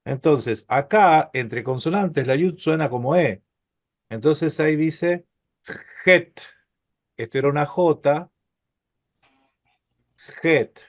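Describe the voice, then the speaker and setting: Slow, patient man teaching Hebrew letters. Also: on the high side, no echo, clean studio sound. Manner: patient, slow letter-by-letter explanations with frequent "¿sí?" checks. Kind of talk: live online Hebrew lesson.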